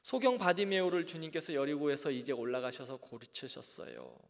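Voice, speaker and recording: A man's voice: on the high side, very animated, brisk, gravelly. A man teaching a Bible class as a pastor, earnest, asking his listeners rhetorical questions. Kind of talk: Bible lecture to a congregation. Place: church sanctuary. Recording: long church reverb.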